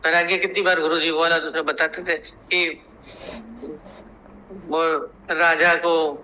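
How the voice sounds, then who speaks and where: A man's voice: fairly high pitch, little pitch movement, slow, bright, forceful tone, slight background noise, low-quality recording. A man giving a spiritual discourse as a teacher. He tells stories, acts out their dialogue, and repeats phrases to press his point. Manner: storytelling, acting out quoted dialogue.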